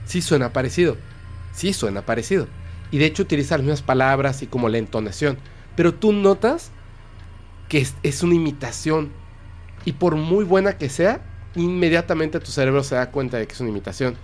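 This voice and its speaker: A man's voice: on the high side, expressive, a little fast, soft background music. A man, hosting a casual podcast and animatedly retelling a story, acting out the quotes. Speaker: podcast host.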